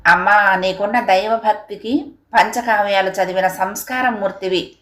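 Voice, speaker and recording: A woman's voice: mid-range voice, fairly even intonation, normal speed, a bit bright, reverberant, close to an everyday voice. Affectionate young girl soothing her mother, read by a woman narrator. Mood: tender. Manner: tender, pleading. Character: young daughter, loving and coaxing. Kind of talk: audiobook character reading.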